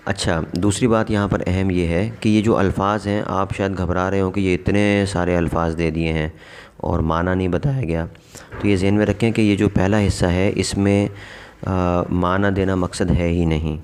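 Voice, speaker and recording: A man teaches English in a patient, measured way. He stops to repeat example words slowly, as if for a class to copy. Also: deep voice, a little mellow. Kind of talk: explaining lesson.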